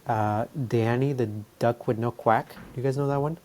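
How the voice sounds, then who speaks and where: Young male co-host, non-native accent, relaxed, enthusiastic. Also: mid-range voice, normal speed. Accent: non-native English accent. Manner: easygoing, enthusiastic. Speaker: podcast co-host. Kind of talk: casual chat.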